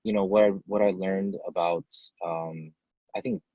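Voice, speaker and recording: A man's voice: sits low, steady tone, moderate pace, no room sound, phone-quality sound. A man raised in the United States, a company head answering interview questions over a video call, chatty with fillers and restarts. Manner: conversational, many fillers and restarts. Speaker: company CEO, guest.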